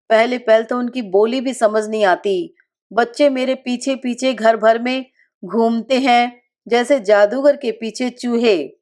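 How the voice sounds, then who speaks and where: A woman narrating a literary short story in a measured, unhurried reading voice. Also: on the high side.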